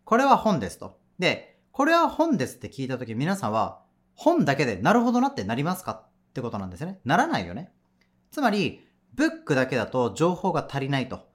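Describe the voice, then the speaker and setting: A man's voice: mid-range voice, wildly swooping pitch, quick pace. A man teaching an audio lesson as an English teacher at a cram school, explaining in a chatty, patient way.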